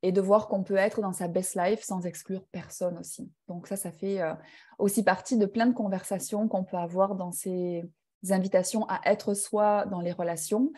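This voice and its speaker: With a steady, mellow mid-range voice at a moderate pace, a woman talks to participants in a live online class on personal growth. She's reflective and often hesitates, filling gaps with many fillers.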